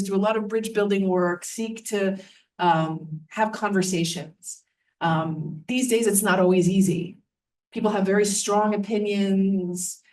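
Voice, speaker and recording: A woman moderating a campus Q&A, asking earnest, measured questions. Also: mid-range voice, a little mellow. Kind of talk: campus Q&A conversation. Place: college campus event room. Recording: distant mic.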